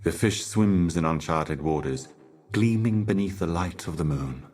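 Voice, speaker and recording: An actor playing a solemn otherworldly herald of cosmic horrors in a video game, speaking in an ominous, grandiose and cryptic theatrical manner. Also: male voice, sits low, unhurried, darkish tone. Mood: solemn, brooding. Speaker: game character, messenger and guardian.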